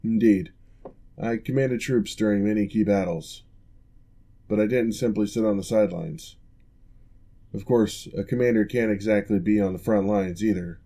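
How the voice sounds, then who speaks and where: Playing a male orc in an ASMR roleplay, a man portrays a calm former general who has become a physical therapist. His mellow, somewhat low voice carries fairly even intonation, and his delivery is measured, formal and comforting.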